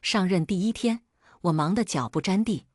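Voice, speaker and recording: Female narrator, husky and low-pitched, first-person novel read with a dry sound. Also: normal speed, dry recording. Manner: reads all parts in her own voice.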